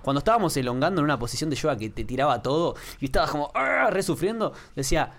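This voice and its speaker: A man's voice: on the high side, very fast. A man with an Argentine accent, a podcast co-host who tells stories in casual conversation and swears freely. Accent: Argentine Spanish. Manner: animated storyteller, swears casually.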